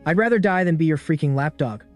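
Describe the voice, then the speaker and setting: A man's voice: fairly high pitch, lively intonation, fast talker, faint music behind, lightly acted. A man voicing a young male fighter, intense and defiant under pressure.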